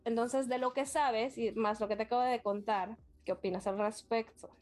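A woman with a Mexican accent, co-hosting a casual chat and retelling events in animated detail. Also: fairly high pitch, normal speed. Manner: animated storyteller, acts out quotes.

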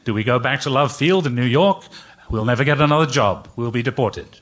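A man's voice: mid-range voice, brisk, a bit bright, lo-fi sound. An older man telling a comic story live, with a dry, wry delivery and playful put-on voices. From Britain.

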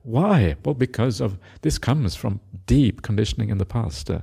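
At normal speed, a middle-aged monk from Norway delivers a Dhamma talk in an animated mid-range voice that is gravelly with a breathy edge. Reflective in tone, he tags lines with a questioning "eh?" and adds gentle laughter and hesitant fillers.

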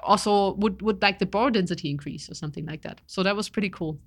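A woman's voice: medium pitch, fast talker. A young woman explaining her wildlife research in casual chat, eager, with many restarts and fillers.

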